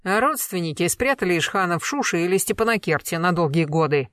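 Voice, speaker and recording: A stern former colonel pressing a suspect, voiced by an audiobook reader. Measured, cold and relentless, with a commanding edge. Dry, close sound. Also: mid-range voice, expressive, a bit bright, dry recording, close to an everyday voice. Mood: accusing. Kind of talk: audiobook character reading.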